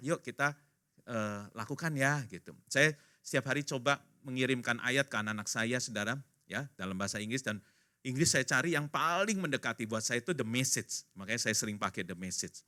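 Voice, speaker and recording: A man's voice: medium pitch, fairly quick, pushed and bright. A man in his fifties, a pastor, preaching a casual, joking sermon to his congregation at a church service and acting out the voices of the people he quotes.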